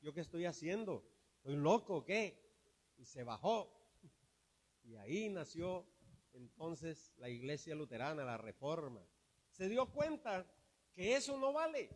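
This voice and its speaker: A man's voice: high voice, long reverb tail. A man preaching a sermon with emphasis, asking the congregation rhetorical questions.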